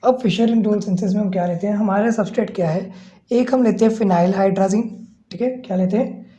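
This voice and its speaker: A man lecturing on chemistry with a mellow, soft-edged tone. He walks through each step patiently and keeps checking in with his listeners. The recording sounds a little muffled and lo-fi. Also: high voice, moderate pace. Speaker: chemistry teacher. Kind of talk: classroom lecture.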